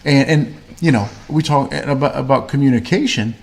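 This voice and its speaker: Man, mid-pitched, casual rambling co-host voice. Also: moderate pace. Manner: rambling, many fillers and restarts. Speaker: podcast co-host. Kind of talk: casual faith-based chat.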